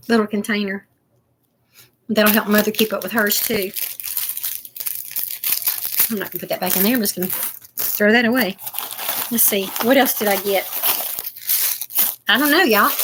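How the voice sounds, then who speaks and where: A woman's voice: medium pitch, noisy background. An older woman chatting casually and rambling to viewers as she unboxes craft supplies. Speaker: crafting vlogger.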